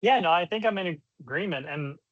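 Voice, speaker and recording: A man's voice: high-pitched, expressive, brisk, fairly bright tone, dry recording, muffled recording. Agreeable man on dry call audio. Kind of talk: casual meeting talk.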